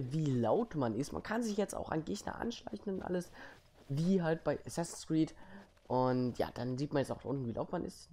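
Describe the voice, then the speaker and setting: A man's voice: a little high, a little mellow, slight background noise. Young man doing casual gameplay commentary. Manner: slangy, informal. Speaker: let's player.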